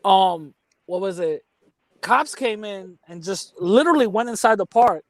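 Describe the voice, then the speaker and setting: A man with a New York accent tells his stories in a candid, streetwise way, often stumbling and restarting mid-sentence. His voice sits fairly high for a man. The sound is dry and close, with no room around it. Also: animated, a little slow, no echo, rough recording. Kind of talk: casual storytelling chat.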